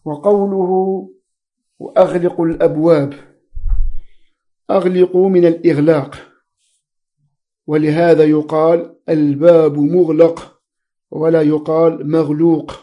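A man teaching a religious text, reading commentary slowly and spelling out letters and variant readings. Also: on the high side, little pitch movement, mellow.

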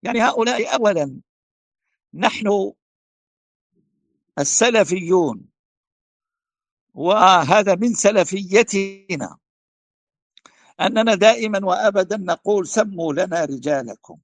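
A man speaking as a religious scholar, with a high voice that swings widely and rises to emphatic declarations. His tone is gravelly. He repeats rhetorical questions and stumbles over words, heard dry and close. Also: expressive, measured pace, long pauses, no echo. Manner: emphatic, rising to forceful declarations. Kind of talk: answering a question in a religious lecture.

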